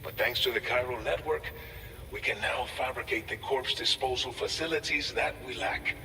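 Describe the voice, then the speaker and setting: Male game briefer: earnest, formal, very bright voice, distant with faint noise. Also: medium pitch, normal speed, long reverb tail. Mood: grave. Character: earnest, grateful male outpost staffer briefing a courier. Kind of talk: scripted video game dialogue.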